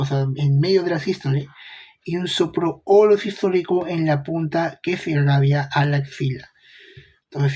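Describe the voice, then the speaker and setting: A man's voice: on the high side, darkish tone, slightly rough. A young man giving a casual medical lecture, chatty, with rhetorical questions and slangy asides.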